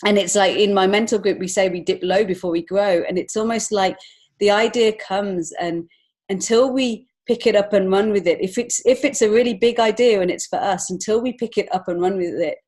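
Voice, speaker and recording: A woman at medium pitch speaks briskly, her tone darkish. As a podcast interview guest and children's author and illustrator, she is reflective and conversational, earnestly feeling her way through phrases.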